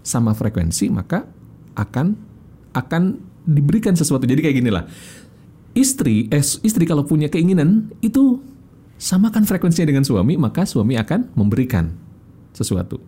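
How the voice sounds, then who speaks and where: Male guest, husky dark voice, lively teacher delivery. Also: a little high, moderate pace, long pauses. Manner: explanatory, animated, acts out examples. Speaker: communication speaker, guest. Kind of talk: casual interview chat.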